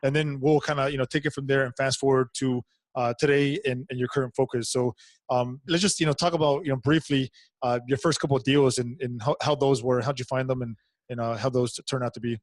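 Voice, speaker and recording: Guy hosting a podcast, mid-pitched voice, friendly, lots of ums and uhs, dry sound. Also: steady tone, brisk, no echo. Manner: friendly, hesitant, many fillers. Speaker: podcast host. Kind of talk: podcast interview.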